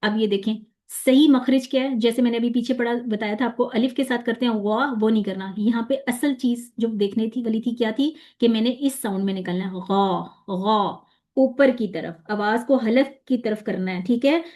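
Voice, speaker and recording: A woman teaching tajweed pronunciation in an online lesson, patiently drilling letter sounds slowly and repeating them. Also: a little high, a little mellow.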